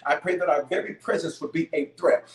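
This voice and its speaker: Echoey sound, man, slightly high-pitched voice, bishop, fervent improvised prayer, repetitive emphatic cadence, rallying calls. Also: brisk, background noise. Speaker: bishop leading congregational prayer. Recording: echoey, reverberant room sound.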